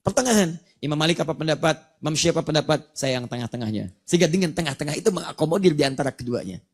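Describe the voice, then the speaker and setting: A man's voice: a little high, expressive, very fast, husky. A man giving an Islamic religious lecture, explaining points of law with rhetorical questions and recited Arabic verses. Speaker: preacher.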